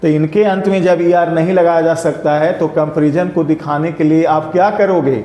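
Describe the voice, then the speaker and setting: Man, english teacher, classroom lecture, keeps checking students understand, fairly high voice, mellow tone, roomy echo, faint background hum. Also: fairly even intonation, moderate pace. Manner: quizzes students, keeps asking if it is clear. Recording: echoey classroom room sound.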